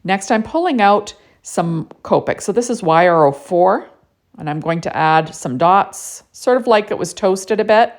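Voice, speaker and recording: A woman narrating a casual card-making tutorial in a chatty way, with lots of "you know" and "right?". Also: mid-range voice.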